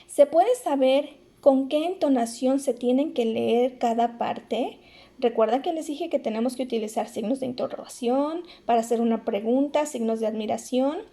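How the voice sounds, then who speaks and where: A woman's voice: high voice, dark tone. A woman teaching a remote lesson to young schoolchildren, explaining each step patiently and calling them sweetheart. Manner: affectionate, addresses pupils as "corazones".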